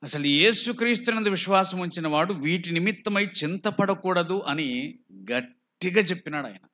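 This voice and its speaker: A man with a Telugu accent, preaching a slow, emphatic sermon full of rhetorical questions. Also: high voice, lively intonation, sharp tone. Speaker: pastor.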